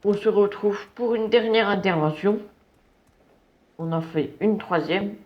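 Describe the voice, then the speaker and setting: A man's voice: high voice, a little slow, dull audio. A man giving casual, slangy running commentary on a game as he plays. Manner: relaxed, slangy, chatty. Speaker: gameplay commentator.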